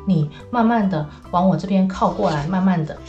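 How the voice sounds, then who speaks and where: A woman's voice: lowish voice, a little fast, muffled recording, faint music behind, close to an everyday voice. A woman doing a careful, bossy boy. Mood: hushed. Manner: careful, lecturing, often hushed. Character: cautious sensible young boy, protective big brother.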